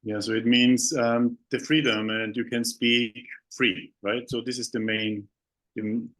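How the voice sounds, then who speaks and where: A man hosting an interview podcast, welcoming his guest and asking questions in a halting way, often restarting and repeating words. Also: mid-range voice, flat delivery, a bit bright. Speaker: podcast host. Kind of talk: conversational interview.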